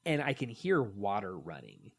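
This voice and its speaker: A man with a fairly low voice co-hosts a casual podcast. He tells long stories in an animated way. He acts out the quoted lines as he goes. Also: normal speed, creaky. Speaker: podcast co-host. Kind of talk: casual chat.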